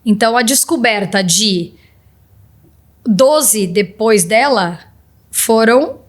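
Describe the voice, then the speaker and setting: A woman hosting a podcast interview, asking questions and adding short friendly interjections. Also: medium pitch. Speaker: podcast host.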